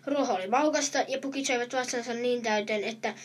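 A woman's voice: fairly high pitch, husky, far from the mic. A woman reading a fairy tale aloud in a plain storyteller's way, with small restarts.

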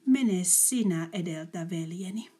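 A woman's voice: fairly low pitch, warm tone, breathy edge. A woman voicing a small, timid girl in a storybook, speaking plaintively and fearfully.

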